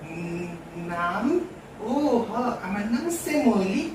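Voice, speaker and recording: A high, swooping, whining voice of a stammering village girl, played by a young man. It pleads and wails in a rustic way, sliding up and down in pitch. It is heard from far off in an echoey room. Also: expressive, slow pace, background noise. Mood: shy. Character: whiny stammering village girl who cries to her father.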